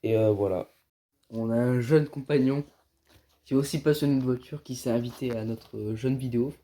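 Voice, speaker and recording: His voice is mid-range and dark in tone, moving at a moderate pace as he shares his views in a laid-back car vlog. Tired and fighting a flu-like illness, the host still talks to viewers like buddies.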